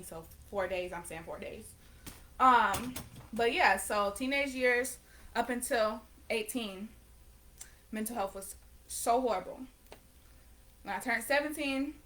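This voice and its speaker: A nineteen-year-old woman, a vlogger and painter, chats casually to camera for her viewers. Her mid-range voice sounds pushed and bright, and she rambles conversationally, correcting herself as she goes.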